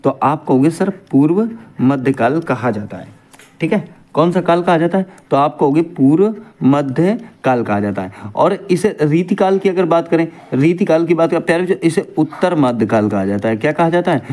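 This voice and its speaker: This male teacher is animated, his pitch rising and falling as he talks at an ordinary pace through an exam-prep grammar lesson. He calls his students dear children and restates each point as a question to them.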